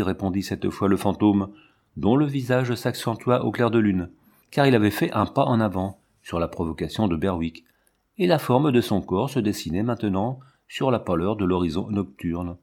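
A male audiobook narrator with a fairly low voice reading a classic novel. He tells the story in a measured, even way.

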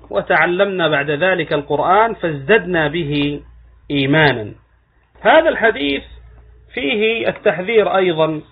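A man giving a religious lesson on hadith in a measured teaching cadence, rising with emphasis on key terms. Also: a little high. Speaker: Islamic scholar. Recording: tinny phone-like recording.

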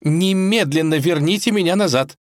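A woman's voice: deep voice, sing-song, measured pace, dry recording, studio quality, pitched above the performer's own voice. A man reading a fairy tale aloud and voicing a stubborn young princess with a raised, insistent voice. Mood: determined. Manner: insistent, stamps her foot.

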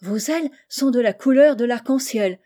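A woman's voice: fairly high pitch, expressive, normal speed, dark tone, slightly rough. A woman reading an audiobook voices a tearful, stubborn young girl who pleads in a raised voice. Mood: delighted.

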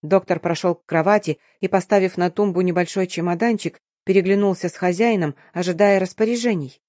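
A woman reading a first-person audiobook in a measured, even storytelling manner. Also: lowish voice, dry recording, studio quality. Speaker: audiobook narrator.

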